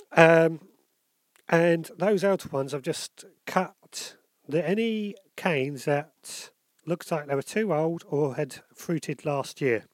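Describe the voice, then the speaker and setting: A podcast host with a stuffed-up cold rambles through a casual solo episode, full of ums and self-corrections. His voice is fairly high, and there's no room sound.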